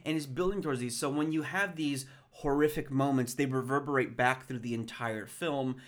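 A man co-hosting a movie podcast in casual chat, excitable and ranting, swearing freely. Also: mid-range voice, normal speed. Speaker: podcast co-host.

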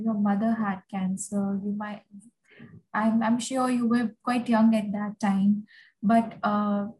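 Female interviewer, soft-edged mellow tone, mid pitch, conversational questioning. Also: rough recording.

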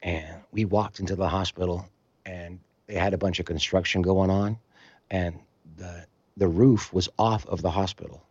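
Low-voiced man telling an animated story. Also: normal speed, slightly rough, no echo, lo-fi sound. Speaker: storytelling guest musician. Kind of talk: casual storytelling conversation.

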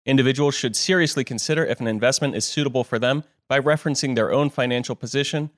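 A man announcer reading a scripted podcast outro and legal disclaimer in a formal, even manner. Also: mid-range voice, fast talker, dry recording, studio quality.

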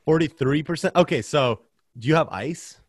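A man hosting a casual podcast, joking and animated as he talks over a video call. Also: a little high, normal speed, dry recording. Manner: animated, joking, sings the intro. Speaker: podcast host.

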